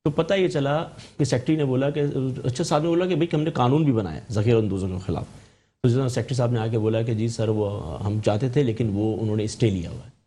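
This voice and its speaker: A man's voice: medium pitch, mellow. A man who is a guest on a political talk show, arguing his side insistently and often cutting back in to hold the floor. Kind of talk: argumentative political debate.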